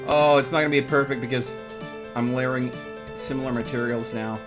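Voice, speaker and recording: A male streamer gives casual live commentary on his game, talking himself through every step with exclamations. His medium-pitched voice is fairly quick with fairly even intonation, and music plays behind him.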